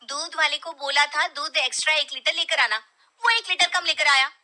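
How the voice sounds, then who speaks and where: A woman voicing a sharp-tongued wife and mother who scolds firmly. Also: sits high, moderate pace, voice pushed up. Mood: scolding. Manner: scolding, firm.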